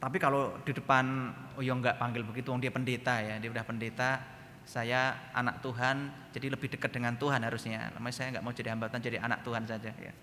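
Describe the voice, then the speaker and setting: Bright-voiced male preacher in a reverberant hall. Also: medium pitch, fast talker. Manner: lively, chatty, often addresses the congregation. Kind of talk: storytelling sermon. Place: church hall. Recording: reverberant hall, faint background noise.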